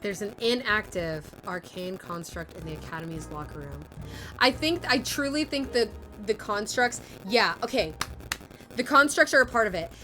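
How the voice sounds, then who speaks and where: A woman voice actress live-streaming a game, thinking aloud in an animated way, swearing casually and reading lines aloud. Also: medium pitch, moderate pace, background noise.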